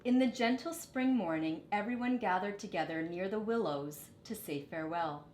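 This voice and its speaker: A woman reading a children's story aloud with expressive, dramatic phrasing. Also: moderate pace. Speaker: storybook reader. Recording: echoey room, faint low rumble.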